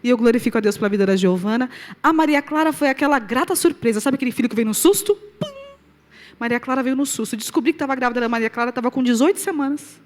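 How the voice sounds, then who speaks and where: Speaking fast, a high-voiced Brazilian preacher with a Brazilian Portuguese accent gives an animated testimony from the pulpit to a live audience. She swings from loud, high exclamations to soft, quiet asides, laughing along as she tells it.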